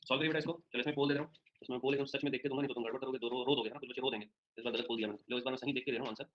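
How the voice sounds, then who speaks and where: Fast-talking man teaching online. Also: mid-range voice, flat delivery, lo-fi sound. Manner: chatty, joking, addresses students by name. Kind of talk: live online class with polls.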